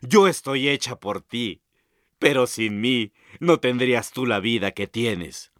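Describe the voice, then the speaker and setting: A man voicing a calm, patient talking sickle in a storybook, answering in a measured way. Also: mid-range voice, no room sound, studio quality. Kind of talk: storybook narration.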